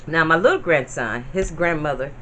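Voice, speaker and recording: A woman's voice: low voice, pushed and bright, a little hiss or hum. A woman in her fifties, a grandmother talking casually to the camera at home, chatty and rambling and speaking straight to her viewers. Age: 50s. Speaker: grandmother vlogger.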